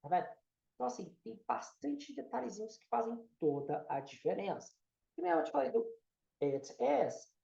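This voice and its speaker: A man's voice: very high-pitched, very animated, a little fast, vocal fry, dark tone. A man from Brazil with a Brazilian Portuguese accent, teaching a casual English lesson and repeating words for drills. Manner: keeps checking in with "tá?" and drills pronunciations by repeating them. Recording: roomy, slightly dull sound.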